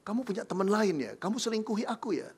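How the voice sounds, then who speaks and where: A man's voice: extremely high pitch, steady tone, normal speed, pitched above the performer's own voice. A man preaching, voicing a worried young man confronting his fiancée. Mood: soft, suspicious.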